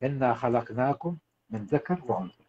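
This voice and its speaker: A man's voice: mid-range voice, lively intonation, fairly quick, dull audio. A man, a marriage coach giving earnest advice to husbands on a livestream. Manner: earnest, exhorting, addresses husbands directly. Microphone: livestream setup.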